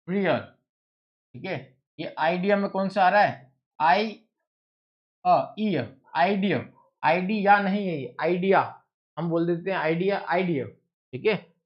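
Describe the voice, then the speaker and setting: A man's voice: sits high, muffled recording. A male teacher, giving a classroom lecture, who repeats words and keeps asking the class questions. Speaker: English teacher.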